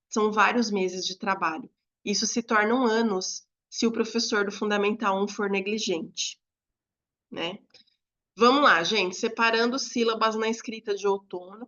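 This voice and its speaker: A woman's voice: medium pitch, fairly bright tone. Woman teaching step by step. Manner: explains step by step, drawing out words. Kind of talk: lesson for teachers. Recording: slightly dull, lo-fi sound.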